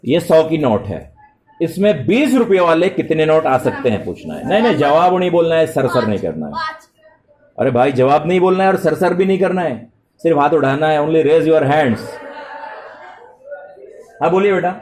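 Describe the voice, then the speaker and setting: A man's voice: fairly high pitch, very animated, normal speed, a little mellow. A middle-aged man teaching math to a full classroom of children, speaking politely and praising them. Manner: addresses students with polite forms and praise.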